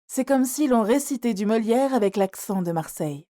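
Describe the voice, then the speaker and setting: A woman's voice: on the high side, expressive, normal speed, lightly acted. Woman voicing a playful cultured young singer. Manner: polite, gently playful. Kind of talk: audiobook character reading.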